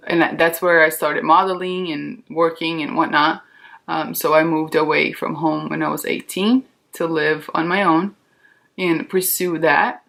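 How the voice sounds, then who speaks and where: Deep-voiced with vocal fry and a slightly bright tone, this Portuguese-speaking Brazilian woman in her thirties chats through a makeup tutorial. She sounds open, reassuring and casual, like a beauty vlogger.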